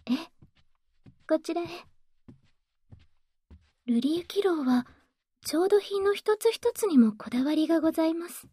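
A woman playing a gentle, devoted maid who soothes her master with formal politeness in a soft, breathy ASMR role-play. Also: extremely high pitch, lively intonation, a little slow, long pauses, no room sound. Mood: calm, courteous.

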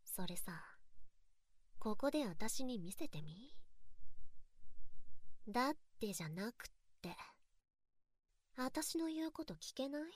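A woman's voice: a little high, no echo, exaggerated voice. A young woman voicing a sadistic, teasing young woman who mocks and bosses the listener, in a whispered role-play with taunting baby talk.

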